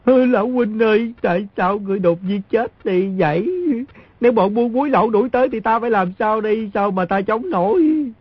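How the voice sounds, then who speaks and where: A man's voice: sits high, a little fast, slightly rough, dry recording. A man voicing a crafty young boy in an audiobook, putting on whiny fake wails. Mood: fake wailing. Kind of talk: audiobook character voice. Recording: dull lo-fi dry recording.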